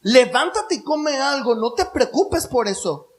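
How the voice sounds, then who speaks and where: A sly, scheming queen with a coaxing, mocking tone, as a male preacher puts her on. She talks high and bossy, smooth and persuasive. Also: sing-song, unhurried, heavily acted.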